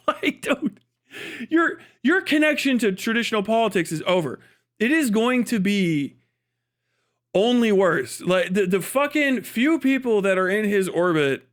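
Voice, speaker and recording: His voice is high-pitched, clear and resonant, with a fairly bright tone. Hosting a livestream, this man comments casually and with strong opinions, cursing frequently and driving points home through emphatic repetition.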